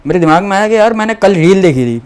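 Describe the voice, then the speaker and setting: A man's voice: high voice, animated, fast talker, darkish tone, smooth, voice pushed up. A man voicing a clueless young male friend who tells his story in a casual, matter-of-fact way.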